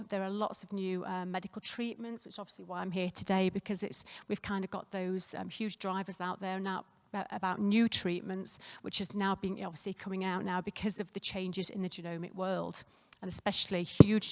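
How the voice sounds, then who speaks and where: In a hotel conference room that gives her words a long reverb, a woman nurse delivers a conference talk in a flat, fairly quick, mid-range voice that is gravelly and croaky. She speaks casually, stumbling through fillers and restarts.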